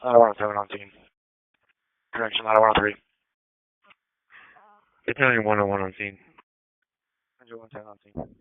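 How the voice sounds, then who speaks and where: A fire battalion chief acting as incident commander runs a fire scene over a narrow-band two-way radio, giving clipped commands in a very flat, low voice. His tone is clean and the recording dry, and his dispatch traffic is brisk and procedural.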